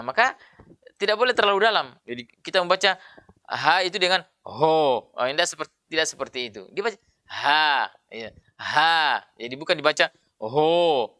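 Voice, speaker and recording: A male Quran recitation teacher giving a patient tajwid lesson, explaining slowly and sounding out letter sounds to show how they are made. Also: on the high side, sharp tone, clean tone, dry recording, clean studio sound. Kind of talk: tajwid lesson with spoken demonstrations.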